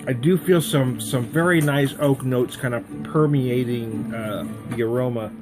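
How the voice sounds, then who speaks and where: A man's voice: medium pitch, unhurried, music in the background. A man giving a casual, rambling, jokey tasting review as a vlog host. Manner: jokey, rambling, chuckles at own asides.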